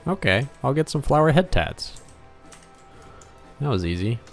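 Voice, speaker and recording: On his casual livestream, a game developer draws while bantering and cracking jokes with viewers. He speaks a little slowly in a mid-range voice marked by big pitch swings, and background music accompanies him.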